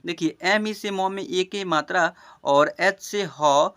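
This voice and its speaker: A man teaches children to spell, breaking every word into its sounds. His voice sits high and sounds bright and sharp. He often stops to ask whether his students understood. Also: slow, smooth. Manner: explains step by step, often asks if students understood.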